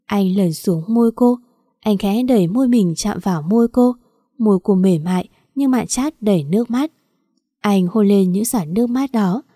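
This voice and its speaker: A woman narrating a story in a steady, unhurried reading manner. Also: medium pitch, no echo, studio quality. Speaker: audiobook narrator.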